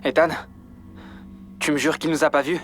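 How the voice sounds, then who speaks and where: A man's voice: a little high, steady tone, moderate pace, close to an everyday voice. A man voicing a jumpy, frightened teenage boy who keeps pleading with his friend, in dubbed film dialogue. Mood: panicky. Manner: panicky, pleading. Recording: film score playing behind.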